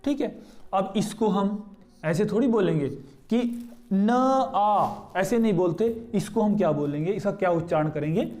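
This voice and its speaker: A man teaching Hindi grammar who explains step by step, asks his own questions and answers them, and repeats key terms slowly. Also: high voice, warm tone. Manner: points to what he writes on a board. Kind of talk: explanatory lesson.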